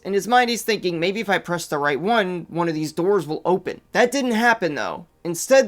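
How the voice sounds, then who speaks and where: A man's voice: high-pitched, fairly bright tone. A man narrating a true story in a casual, conversational way, with loose phrasing and fillers.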